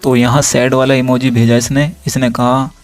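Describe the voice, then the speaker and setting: A young man casually explaining relationship advice to viewers, reading chat messages aloud in a steady, even tone. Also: medium pitch, normal speed, no echo, faint music behind. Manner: reads chat lines aloud in a flat steady tone, addresses viewers directly.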